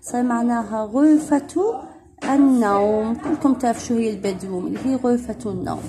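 Husky-voiced woman teaching slowly. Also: high voice, warm tone. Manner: slow, deliberate English, switching into Arabic to explain. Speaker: English teacher. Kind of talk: recorded classroom lesson.

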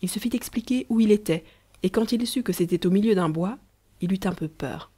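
A woman narrating a classic novel as an audiobook in a measured, even storytelling manner. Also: mid-range voice, breathy edge. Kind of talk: scripted narration.

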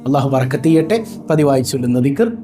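A man preaching to his followers, asking rhetorical questions and chanting Arabic phrases slowly. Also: medium pitch, animated, mellow, soft background music. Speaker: Islamic preacher. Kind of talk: religious talk to followers.

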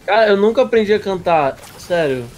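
A man's voice: high-pitched, animated, a little fast, a little hiss or hum. A man with a Brazilian accent chatting casually on a game stream, mildly protesting and self-deprecating. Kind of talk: casual chat on a gaming stream. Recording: music playing behind. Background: music.

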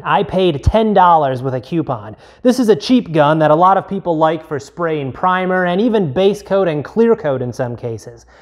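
A man in his thirties hosting a tool review channel, explaining a test step by step in a plain, methodical way from a home garage on a lapel mic. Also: on the high side. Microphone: clip-on lapel mic.

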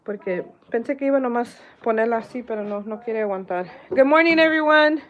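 A woman's voice: fairly high pitch, a little fast. Woman host, casual cooking livestream, self-deprecating chatter, a little nervous; phone on a tripod, somewhat muffled audio with light background noise. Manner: chatty, self-deprecating, greets viewers by name. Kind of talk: casual live chat while cooking. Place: home kitchen.

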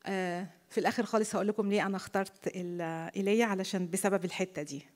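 A woman with an Egyptian accent leading a church women's Bible study, reading scripture and explaining it in a lively way that sinks to a soft, low voice. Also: very fast, in a large hall. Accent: Egyptian Arabic. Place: church hall.

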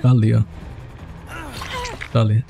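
A man streams a horror game, talking to his viewers and breaking into high-pitched yelps when he panics. His voice is gravelly and dark in tone, with a faint music bed playing under it. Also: flat delivery, measured pace. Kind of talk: live gameplay commentary.

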